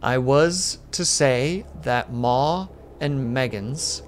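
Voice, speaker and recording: A man reading aloud and voicing an uneasy company messenger who speaks quietly and stiffly formal. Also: mid-range voice, drawn-out words, slight background noise. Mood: somber.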